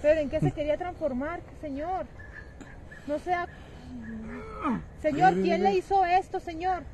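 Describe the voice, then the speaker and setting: A woman's voice: very high voice, fairly even intonation, measured pace, crowd noise. A woman, talking urgently and coaxingly to a stranger outdoors at night. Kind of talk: casual night-time horror vlog.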